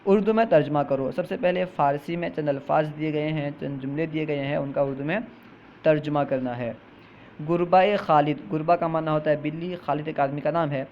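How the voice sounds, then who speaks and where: A man teaching a grammar lesson, who reads each example slowly, repeats it and then explains it. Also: fairly high pitch, steady tone, highs cut off, slight background noise.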